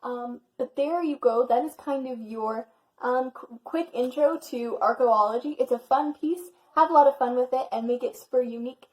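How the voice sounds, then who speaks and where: A teenage girl talks a violin section through their parts in a casual, encouraging way. Her voice sits a little high, and she fills her pauses with ums and light asides. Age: teens. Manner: chatty, many ums, upbeat and encouraging. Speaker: student violin teacher. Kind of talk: casual recorded lesson.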